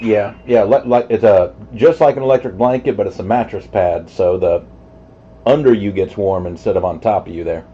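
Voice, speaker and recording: Over dull, faintly noisy CB radio audio, a CB operator with a lowish voice rambles easily on the channel at normal speed, hesitating now and then.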